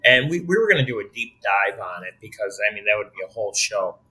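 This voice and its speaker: A man hosts a casual podcast chat in a bright, forceful voice. He jokes and teases his way through the talk, loose and conversational. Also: fairly low pitch, sing-song, fast talker, rough recording. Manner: joking, teasing banter. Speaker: podcast host.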